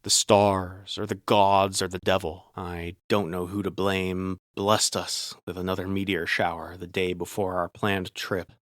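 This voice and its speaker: A man's voice: low voice, level tone, unhurried, hardly any pauses, a bit bright, no echo, studio quality. A man narrating a first-person horror story in a tense, scripted way.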